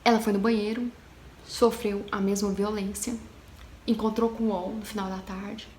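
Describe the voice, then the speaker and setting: Woman storyteller, chatty and hushed by turns, roomy echo, noisy background, casual ghost-story telling. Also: medium pitch, flat delivery, moderate pace. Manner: chatty, addresses viewers directly, drops to a hushed tone for eerie parts. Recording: echoey room with background noise.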